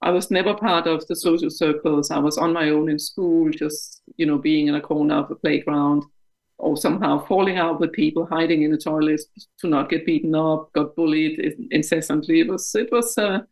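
A Danish woman in her fifties, speaking with a Danish accent, is a guest in a candid interview, talking frankly and reflectively and laughing at herself. Her deep voice is steady, a little mellow, and moves at normal speed. The recording is low quality.

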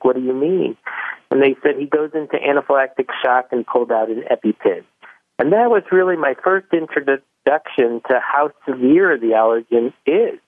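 A man tells his story in a folksy, conversational way and acts out the voices of the people in it. His pitch is middling. The sound is a dry, tinny phone line. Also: no echo. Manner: folksy storyteller, acts out both sides of dialogue. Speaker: chocolate company founder, guest.

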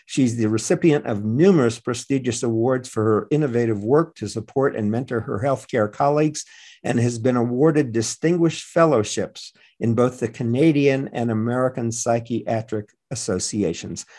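A man's voice: medium pitch, moderate pace, warm tone. Male radio host with mid-range voice. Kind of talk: hosting talk, introducing a guest.

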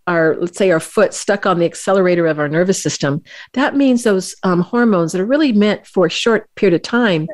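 A woman's voice: medium pitch, darkish tone. A woman hosting a talk show, speaking earnestly with frequent restarts and fillers. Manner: earnest, halting, with many restarts. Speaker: radio show host.

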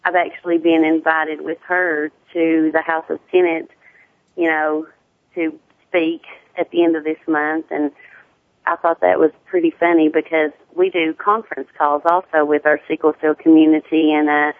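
A woman with a deep Southern US accent, talking casually as a guest in an interview. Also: flat delivery, normal speed. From Tennessee. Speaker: guest, sickle cell awareness advocate. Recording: muffled narrow phone-like line.

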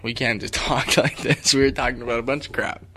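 A teenage boy co-hosting a casual chat show, teasing and excitable, often laughing. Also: medium pitch, brisk. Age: teens. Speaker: co-host.

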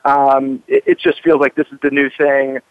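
A male correspondent gives casual, conversational interview answers at a middling pitch. The sound is dull and dry, like a radio link, and his talk is full of "like" and "you know". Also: steady tone, normal speed, no echo. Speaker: roving correspondent, interview guest.

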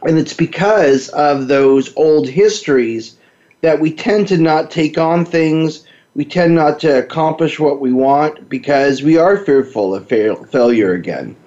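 A man's voice: on the high side, measured pace, a little mellow. Man hosting talk radio in an echoey space. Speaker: radio talk show host. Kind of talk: conversational monologue on behavioral therapy. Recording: echoey room, dull lo-fi sound.

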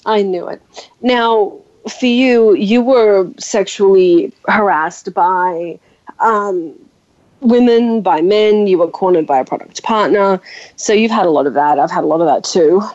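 A woman hosting a casual chat show, hoarse from a sore throat and joking and teasing her guest. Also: mid-range voice, a little slow, a little mellow, dry recording, muffled recording. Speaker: host.

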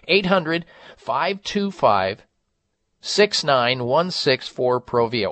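A man's voice: fairly bright tone, no room sound. Man delivering a hard-sell American radio ad. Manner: hard-sell advertising pitch, emphatic and insistent. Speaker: radio health show host. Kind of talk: live-read radio ad.

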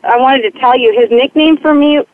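A woman's voice: sits high, steady tone, a little fast, no echo. A woman calling into a radio show from her car, talking hesitantly and self-consciously with restarts. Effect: radio show caller heard over a phone line. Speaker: caller. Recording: tinny phone line with faint car noise.

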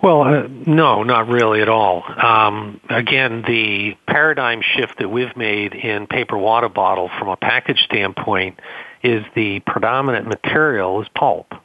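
A man with a Boston accent answers an interviewer's questions, explaining carefully and pausing on fillers. His voice sits low and dry. The sound is dull and lo-fi, like a remote link. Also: no echo. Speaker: company executive guest.

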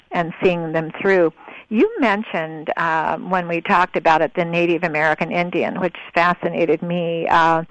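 A woman hosting a conversational radio interview, with rambling, halting phrasing. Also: fairly low pitch, dry recording. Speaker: radio show host. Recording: dull lo-fi radio sound.

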